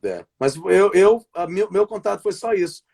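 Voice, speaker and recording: A chatty Brazilian man with a higher, darkish voice that is creaky with a breathy edge speaks with lively intonation at a moderate pace. He's a wrestling commentator and play-by-play announcer in a casual interview on a live stream, recorded over a video call. He rambles, restarts often, and tags his sentences with "né" and "sabe."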